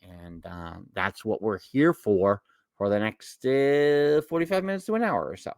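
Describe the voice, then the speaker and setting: Podcast co-host: middle-aged man, New York accent, rambling and self-correcting, low-pitched, dry close sound. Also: animated, a little slow, smooth, no echo. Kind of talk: casual podcast chat.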